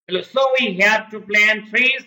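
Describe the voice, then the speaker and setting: A man teaching spoken English, who says each English phrase slowly, repeats it and explains it word by word. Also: high voice, bright, forceful tone. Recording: echoey room.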